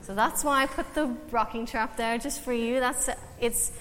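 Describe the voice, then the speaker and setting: A woman's voice: on the high side, fairly even intonation, moderate pace, a bit bright. A woman in her forties from Canada, with a Canadian accent touched by an Irish twang, giving a casual, self-deprecating church talk full of ums. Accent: Canadian with a slight Irish twang. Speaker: guest speaker at church, counselor. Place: church hall. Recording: echoey church hall with faint noise.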